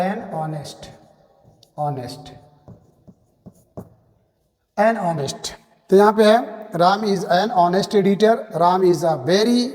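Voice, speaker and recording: A man's voice: sits high, darkish tone, in a large hall. A man giving a grammar lesson, saying each example sentence in English and then in Hindi, repeating words to drive them home. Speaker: English teacher. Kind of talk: classroom-style grammar lesson.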